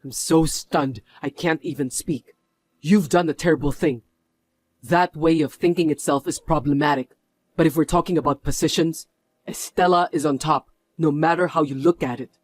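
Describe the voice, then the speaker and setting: A man's voice: fairly high pitch, fairly even intonation, moderate pace, no room sound, close to an everyday voice. A man voicing a stern company executive who scolds in a firm manner. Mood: scolding. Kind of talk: voiced story drama.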